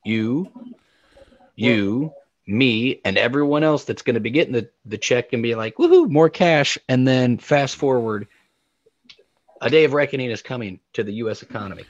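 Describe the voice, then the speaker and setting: A man's voice: mid-range voice, moderate pace, dry recording. Male co-host, heated ranting delivery, dull lo-fi dry recording. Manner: heated, ranting, repeats words for emphasis. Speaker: podcast co-host. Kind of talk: heated opinion talk.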